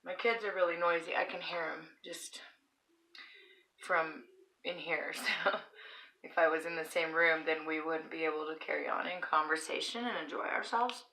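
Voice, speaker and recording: Chatty woman eating on camera, bright voice. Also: deep voice, normal speed, slight background noise, poor audio. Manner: chatty, chuckling, fillers while chewing. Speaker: mukbang vlogger. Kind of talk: casual storytelling while eating. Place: her bedroom at home.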